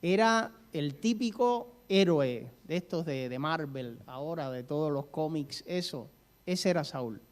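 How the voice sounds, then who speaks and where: Male preacher, sermon delivery, storytelling, questions to the congregation, slightly high voice. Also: lively intonation, a little slow.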